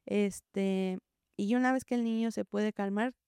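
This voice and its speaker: A woman, a preschool teacher, explaining gently in an interview and acting out what children and teachers say. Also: mid-range voice, fairly even intonation, unhurried, clean tone, no room sound, clean studio sound. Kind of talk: interview answer, calm explaining.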